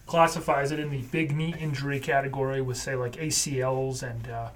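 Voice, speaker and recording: A man's voice: mid-range voice, level tone, a little fast, recorded from a distance. A man co-hosting a casual podcast as a physical therapist, explaining clinical terms with dry jokes. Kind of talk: casual educational podcast chat.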